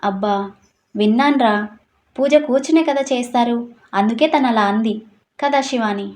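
A woman voicing a gentle, caring older mother-in-law who soothes the family in a read-aloud story. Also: on the high side, moderate pace, close to an everyday voice.

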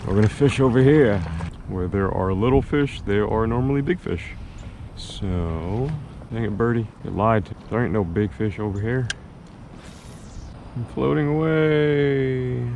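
Young male fishing vlogger, unhurried, easygoing chatter outdoors on the water, clear lake noise underneath. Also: mid-range voice, mellow. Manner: chatty, self-deprecating, talks to himself and the fish. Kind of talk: casual running commentary while kayak fishing. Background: water and outdoor ambience.

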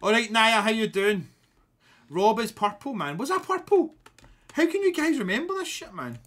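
A man with a Scottish accent streaming a game, chatting to his viewers in a sweary, excitable way that breaks into shouting. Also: high voice, normal speed. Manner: sweary, loud and excitable, shouting when riled. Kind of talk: casual gaming stream chat.

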